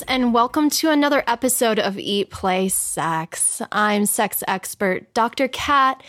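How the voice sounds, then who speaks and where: Higher-pitched American woman hosting, dry sound. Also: a bit bright, no echo. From United States. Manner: flirty, effusive, uses endearments. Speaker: podcast host, sex expert. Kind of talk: casual, chatty podcast hosting.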